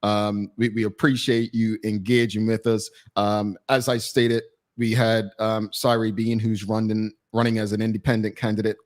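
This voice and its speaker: Relaxed talk show host man. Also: fairly low pitch, normal speed. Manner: relaxed, stammering restarts, filler-heavy.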